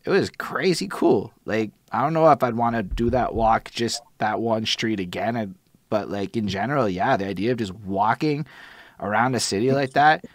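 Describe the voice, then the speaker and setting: In a dry recording, a man with a fairly low-pitched voice speaks at a moderate pace on a podcast. It's casual chat, full of rambling, slangy storytelling and the occasional swear word.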